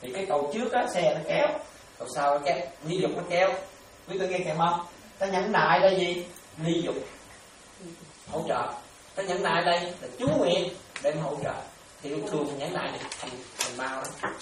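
A man's voice: fairly high pitch, normal speed, long pauses. A man, a Buddhist monk giving a dharma talk, repeating terms and often checking that listeners follow. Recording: very echoey room, distant mic, faint noise.

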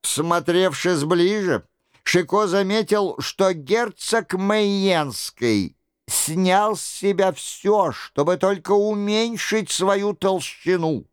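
A man narrating an audiobook in a measured, even reading. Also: high voice, clear, resonant tone, no room sound, clean studio sound. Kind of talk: scripted narration.

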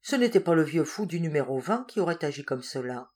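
Give me a woman with a slightly low voice narrating a classic story, measured and expressive. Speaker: audiobook reader. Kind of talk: scripted narration.

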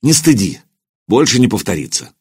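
A man voicing a gruff, bluff older male sergeant who barks orders, in an audiobook. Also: on the low side, very animated, normal speed, darkish tone.

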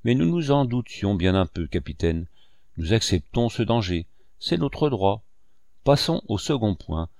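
A man reading an audiobook, voicing a calm, lightly ironic male doctor. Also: lowish voice, a little slow, dry recording, studio quality. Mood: measured.

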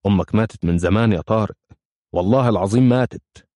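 An urgent, insistent Egyptian prisoner pleads with his friend, as a male audiobook narrator puts him on. The low voice hurries along, dry and close with no room sound around it. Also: quick pace, dark tone, no echo, lightly acted. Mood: urgent reassuring. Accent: Egyptian Arabic.

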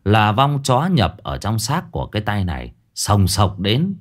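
A man's voice: on the low side, huge pitch swings, measured pace. A man narrating a ghost story in a colloquial, earthy, exclaiming way.

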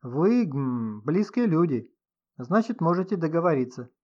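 A man's voice: on the high side, very animated, measured pace, a little mellow, dull audio. A man reading an audiobook, voicing a sardonic, commanding host of a house. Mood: mocking. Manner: ironic, commanding. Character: sardonic middle-aged male host of the house, mocking.

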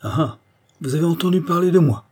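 A man's voice: medium pitch, brisk, dark tone, husky, natural voice. A man voicing a hearty, good-natured young countryman with a teasing charm in an audiobook. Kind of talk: audiobook character reading.

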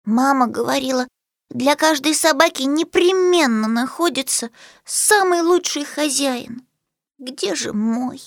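A tiny, timid pug puppy pleads in a high, squeaky voice that leaps all over the place, as a woman reading a storybook brings her to life. She sounds small and hopeful, with a whimper at the edges. Recorded close and dry. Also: animated, unhurried, pushed and bright, dry recording, heavily acted. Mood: sad.

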